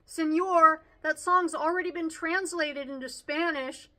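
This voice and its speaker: A woman voicing an obnoxious boy classmate who sticks to the rules, in a loud know-it-all tone. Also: extremely high pitch, measured pace, pitched above the performer's own voice, full character voice. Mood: smug.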